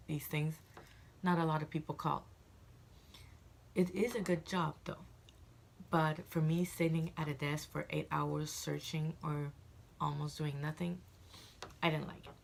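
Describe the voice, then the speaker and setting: A woman in her twenties from Egypt vlogs casually to camera, rambling with frequent fillers and restarts. Her low, creaky voice is flat and moderately paced, with frequent pauses, and there's a little hiss or hum.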